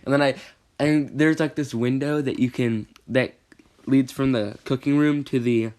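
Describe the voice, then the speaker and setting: A man's voice: medium pitch, fairly even intonation, moderate pace, darkish tone, clear, resonant tone. A teenage boy telling a storytime vlog in a rambling, self-correcting way, often rising to agitated emphasis.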